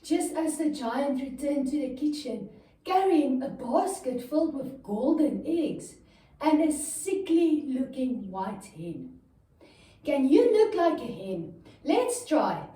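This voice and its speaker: With a high, mellow, sing-song delivery at a slow pace, a woman tells young listeners a story and talks them through yoga moves in simple, encouraging steps. The room echoes heavily and the mic is far off.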